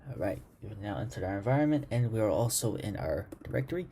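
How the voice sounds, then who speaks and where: A man's voice: on the low side, very animated, quick pace, very noisy. A man teaching a coding lesson over his screen, thinking aloud and muttering commands as he types. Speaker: programming instructor. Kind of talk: screen-recorded coding tutorial.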